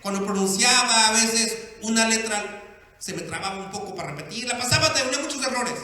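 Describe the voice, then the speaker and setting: Pastor guy, high lively voice, preaching in a big reverby church hall. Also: fairly quick. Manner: playful, acts out the characters in his stories. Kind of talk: sermon. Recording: echoey hall with long reverb.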